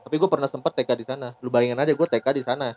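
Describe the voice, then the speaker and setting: A man's voice: medium pitch, fairly even intonation, darkish tone, slight background noise. A man, hosting a podcast in a chatty, joking way. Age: 30s. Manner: joking, chatty, lots of quick agreeing. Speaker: podcast host. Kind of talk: casual chat.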